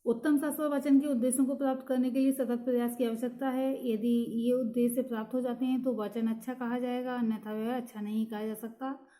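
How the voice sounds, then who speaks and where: A woman teaching a lesson, reading points from her notes in a steady, explanatory way, with fillers and "next point" cues between topics. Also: fairly high pitch, fairly quick.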